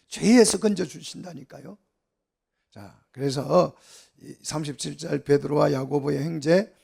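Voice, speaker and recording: A man's voice: fairly high pitch, creaky, a little mellow, husky. A middle-aged man preaching an expository sermon as pastor, often asking the congregation questions and answering them himself.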